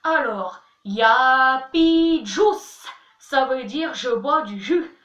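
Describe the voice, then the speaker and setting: Drawing out her words, a young woman with a high, expressive, fairly bright voice chats through a casual vlog. She's playful and self-mocking as she teaches words. The lo-fi sound comes from a distant mic in an echoey room.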